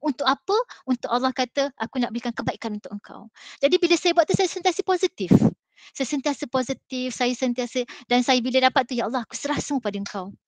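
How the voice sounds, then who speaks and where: A middle-aged Malaysian woman who teaches maths sits on a school panel, giving a motivational talk through an earnest personal story. Her voice is high and fast, her Malay accent comes with lots of fillers, and the recording is dry.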